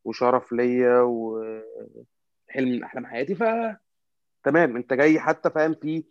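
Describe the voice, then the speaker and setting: A man with an Egyptian Arabic accent in casual football discussion, halting and repetitive as he searches for words. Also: mid-range voice, level tone, no room sound, highs cut off. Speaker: football fan commentator.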